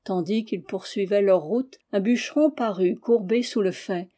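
A woman narrating a classic novel in a measured, expressive reading. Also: medium pitch.

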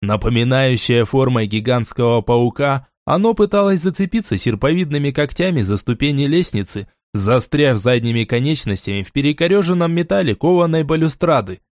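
A man narrating a first-person fantasy audiobook in an expressive, dramatic reading style. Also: medium pitch, a little fast, hardly any pauses, no room sound, clean studio sound.

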